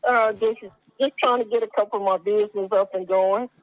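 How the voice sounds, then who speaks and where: A man's voice: sits high, a little fast, no room sound. A man calling in to a podcast, heard through a phone held up to the mic, talking casually and a little hesitantly. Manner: casual, relaxed, slightly hesitant speech. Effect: phone call heard through a phone held up to the mic. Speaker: podcast caller. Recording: muffled, dull phone sound, dry.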